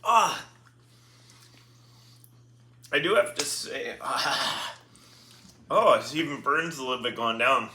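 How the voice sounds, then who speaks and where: A man hosts a casual tasting in a bright, forceful voice. He groans and exclaims as if making a sour face between his words. The room is echoey, with faint noise behind him. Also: medium pitch, a little fast, hardly any pauses. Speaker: host of a sour candy taste test. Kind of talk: casual chat, reacting while tasting.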